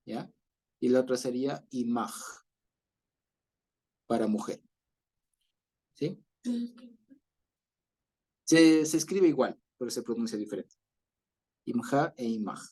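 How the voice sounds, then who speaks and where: A man's voice: mid-range voice, mellow, slightly rough. A man teaching an online Bible class over a video call, explaining patiently, often checking in with listeners and chuckling as he goes.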